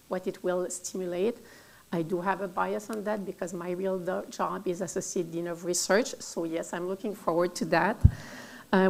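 A middle-aged woman with a rather low voice and a French Canadian accent. She is a native French speaker delivering a formal welcome at a podium, reading in a halting way from her notes. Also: gravelly, darkish tone, poor audio. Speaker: event speaker, associate dean of research. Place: auditorium at a podium. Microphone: podium microphone.

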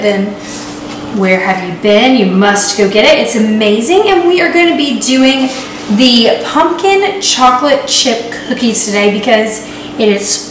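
A young woman hosting a casual baking video in her home kitchen, joking and chatting in a bubbly, playful way, recorded by a camera set back from her. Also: a little high. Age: young adult. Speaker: vlogger. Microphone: far camera. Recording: echoey kitchen with noise.

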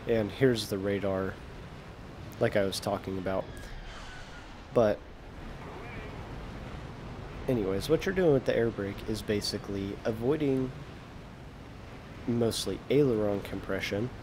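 A man's voice: on the low side, unhurried, long pauses, background noise. A young American man giving casual, self-deprecating commentary over gameplay, often trailing off mid-sentence. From United States. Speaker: gaming video creator.

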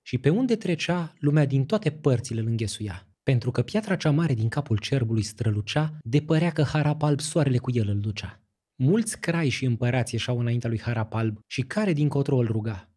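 A man narrating a classic fairy tale in an expressive, lively storytelling manner. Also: medium pitch, slightly rough. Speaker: audiobook narrator.

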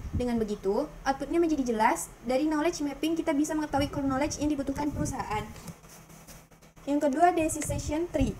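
A young woman, a student, reads her slide presentation aloud at an even, careful pace, working through lists. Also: high voice, background noise. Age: young adult.

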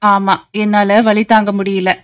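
A woman's voice: medium pitch, level tone, takes it slowly, no room sound, studio quality, natural voice. A woman reading the lines of a young man who has been beaten, in a pained, weak voice.

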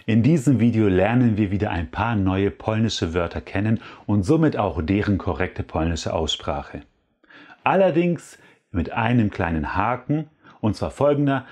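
A man hosting a language lesson, repeating words slowly and carefully to drill their pronunciation. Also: lowish voice, expressive, darkish tone. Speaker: language teacher and channel host.

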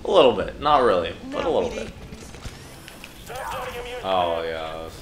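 A man's voice: deep voice, big pitch swings, measured pace, a crowd in the background. A man co-hosting a let's play, wry and teasing in casual gaming commentary. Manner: wry, teasing, laughs often. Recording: echoey room with background noise.

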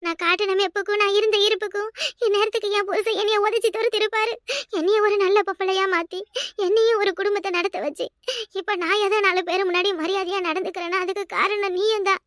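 A woman's voice: very high-pitched, steady tone, fast, fairly bright tone, no room sound, clean studio sound. A woman voicing an earnest, apologetic younger sister-in-law who is devoted to her elder in a cartoon dub. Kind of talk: cartoon dubbing.

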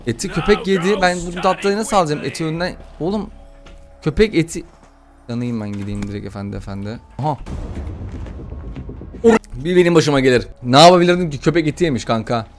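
A man with a high, light voice talks through his gameplay in quick, slangy bursts, frustration bubbling up between moves. Faint music plays under his voice. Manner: excitable, slangy, frustrated chatter. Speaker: gaming YouTuber. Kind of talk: let's-play commentary.

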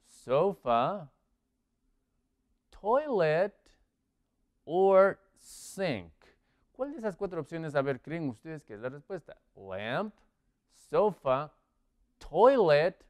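A man teaching English vocabulary, quizzing viewers with multiple-choice options and drawing out the English words slowly for pronunciation. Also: a little high, a little mellow, clean tone. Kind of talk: English vocabulary lesson in Spanish.

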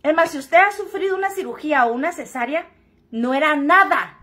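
A woman's voice: high-pitched, a little fast, sharp tone. A woman telling a personal story to camera in a frank, joking, crude-spoken way. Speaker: vlogger.

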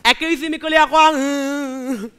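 A woman playing a cocky young Andalusian man from Jaén who heckles loudly from the audience, calling out to the teacher. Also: sits high, steady tone, takes it slowly. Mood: restless. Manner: brash, indignant, keeps calling out "maestra". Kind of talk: stand-up character sketch on stage.

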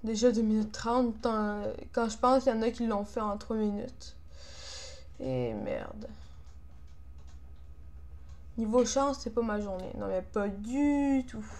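Young quebec french girl gamer, kinda high voice, casual commentary, frustrated n grumbling w swears. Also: lively intonation, unhurried, a little mellow. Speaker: gamer, video creator.

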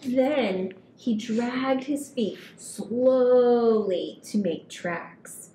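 The recording has a roomy echo and a low rumbling noise underneath. It captures a woman in her thirties at a table in a small indoor room, leading story hour by reading a picture book to young children in an expressive, drawn-out way through a headset.

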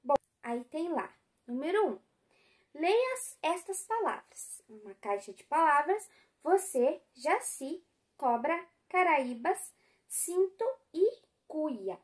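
Slow, high-voiced Brazilian woman teacher. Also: big pitch swings. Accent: Brazilian Portuguese. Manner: patient, explanatory, stretches words slowly. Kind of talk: school lesson explaining spelling exercises.

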